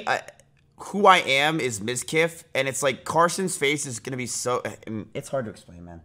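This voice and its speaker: A man in his twenties livestreams from a small home setup, his slightly high voice pushed and bright. He rambles casually with lots of fillers and restarts, turning heated and blunt.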